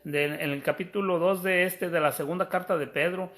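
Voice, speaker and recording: A man's voice: high voice, fairly even intonation, normal speed, fairly bright tone. A man preaching a sermon, explaining scripture step by step, calling his listeners brothers and often restarting his sentences.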